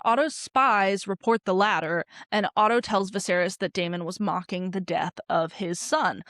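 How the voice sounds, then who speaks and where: A woman hosting a casual TV recap, opinionated and animated, with sarcastic asides. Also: medium pitch, no room sound, studio quality. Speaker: TV recap host.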